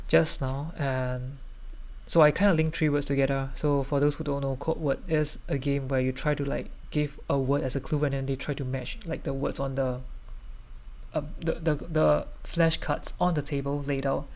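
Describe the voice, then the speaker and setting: A man's voice: on the high side, a little mellow. A man podcasting solo in a tipsy, loose, rambling casual chat, hesitating, trailing off and circling back. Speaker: podcast host.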